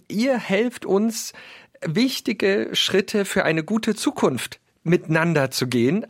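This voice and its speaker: A man in an earnest discussion, pausing often on fillers and acting out little quotes as he argues. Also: fairly high pitch, dry recording, studio quality. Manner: earnest, many filler pauses, acts out quotes. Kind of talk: conversational discussion.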